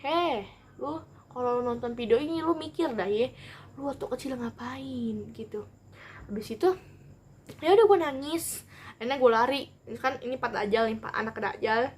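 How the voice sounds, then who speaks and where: A young woman telling a childhood story in a casual vlog, animated and rambling. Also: on the high side, moderate pace, breathy edge. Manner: animated, rambling, acts out every quote. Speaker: vlogger.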